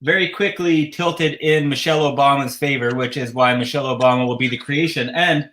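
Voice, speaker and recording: A man's voice: medium pitch, fairly quick, a bit bright. A Canadian man with a slight lisp, hosting a casual livestream chat and rambling with frequent chuckles. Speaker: host.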